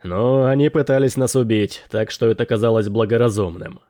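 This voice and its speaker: A man's voice: medium pitch, fairly quick, mellow, no room sound, natural voice. A man voicing a tired, sardonic pirate officer who speaks in a dry, curt way. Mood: weary.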